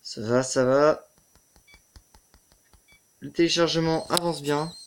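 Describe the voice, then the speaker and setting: A man's voice: a little high, steady tone, slow pace, slight background noise. A man giving let's play commentary on a horror game, muttering to the game, swearing often and yelping when startled.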